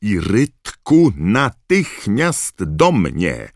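A man voicing a strict older female professor with a sharp, commanding manner. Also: very deep voice, takes it slowly, vocal fry, slightly rough, dry recording, studio quality, heavily acted. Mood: stern, angry.

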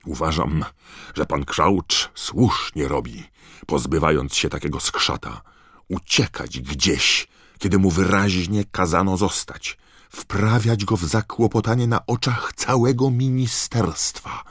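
A man's voice: deep voice, takes it slowly, fairly bright tone, slightly rough, no room sound, clean studio sound, pitched above the performer's own voice, exaggerated voice. A man voicing a pompous, self-important young man who lectures others, in an audiobook.

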